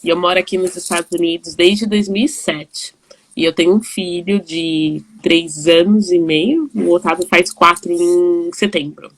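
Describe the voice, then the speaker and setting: A woman in her forties from São Paulo with a São Paulo Brazilian Portuguese accent, chatting warmly as host of a live video call, with frequent restarts. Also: fairly low pitch, normal speed. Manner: chatty, warm, laughing often, many restarts. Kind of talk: casual video call chat.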